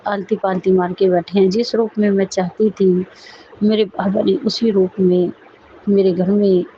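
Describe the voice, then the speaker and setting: A middle-aged woman with a slightly hoarse throat, sharing a devotional testimony and praying, repeating her thanks in a soft, prayerful cadence. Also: mid-range voice, level tone, normal speed, highs cut off, slight background noise.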